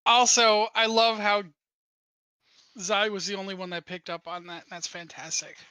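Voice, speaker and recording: A man's voice: high-pitched, level tone, normal speed, pushed and bright, clean tone, no room sound. A man running a tabletop game as game master, teasing and a little hesitant.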